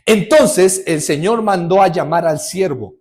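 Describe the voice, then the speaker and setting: Male pastor, high-pitched and lively, jokes through his sermon storytelling. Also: a little slow. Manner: lively storytelling with humor and rhetorical questions.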